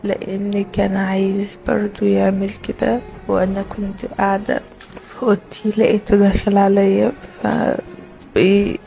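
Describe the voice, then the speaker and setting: A young woman with an Egyptian accent telling her own story in a halting, distressed way, often repeating herself. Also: mid-range voice, level tone, creaky, mellow, faint music behind. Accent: Egyptian Arabic. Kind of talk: personal confession.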